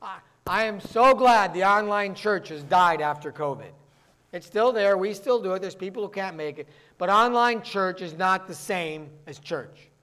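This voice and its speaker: A man from the northern United States preaching a sermon as pastor, talking fast and mixing in joking asides. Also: high voice, pushed and bright, clear, resonant tone.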